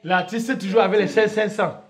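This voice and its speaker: A man's voice: high-pitched, fairly even intonation, a little fast, lightly acted. A man acting as an association president in a comedy sketch, hesitant and stammering as he talks.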